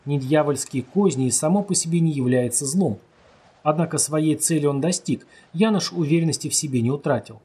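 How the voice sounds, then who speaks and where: A man reading a story aloud as narrator, steady and measured, lightly voicing the characters' lines. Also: mid-range voice, breathy edge. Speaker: audiobook narrator. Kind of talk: scripted narration.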